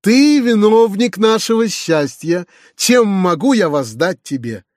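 A man's voice: sits high, very animated, slow pace, dry recording, clean studio sound, pitched above the performer's own voice, heavily acted. A man voicing a kind-hearted retired colonel who pours out his feelings in eager exclamations. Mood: rapturous. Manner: exclaiming, warm-hearted, effusive.

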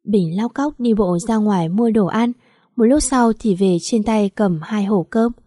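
A woman reads a story aloud at a steady, even pace. Her voice sits at a middling pitch, and the recording is dry and close to the mic. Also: a little slow, no echo. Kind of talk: scripted story narration.

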